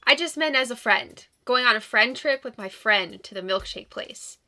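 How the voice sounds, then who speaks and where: A woman's voice: a little high, expressive, normal speed, bright, forceful tone, soft background music, heavily acted. Woman voicing a shy, anxious, hesitant young woman. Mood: flustered. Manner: nervous, hesitant, stammering.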